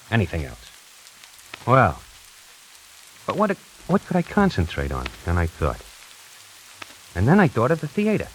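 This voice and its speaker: A man with a lowish, fairly bright voice plays a streetwise salesman, narrating in a wry, colloquial style for a 1940s radio drama. The audio is poor, a vintage 1940s broadcast with music.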